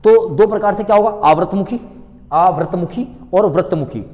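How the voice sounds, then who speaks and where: A man teaching an exam-prep class, repeating sounds aloud and asking quick rhetorical questions. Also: high-pitched, a little mellow, big-room sound, dull audio. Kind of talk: online exam-prep lecture.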